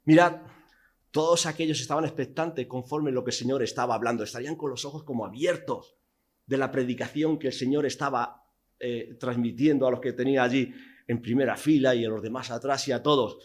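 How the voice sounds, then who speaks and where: A man from Spain, preaching a sermon in a church hall, telling the story vividly with rhetorical questions and swings from loud to hushed. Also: mid-range voice, steady tone, fairly quick.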